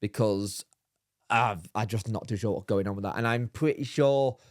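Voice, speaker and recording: Hoarse man, 30s, wry podcast co-host, dry close sound. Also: lowish voice, moderate pace, dry recording. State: hoarse from recent illness. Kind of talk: casual football podcast chat.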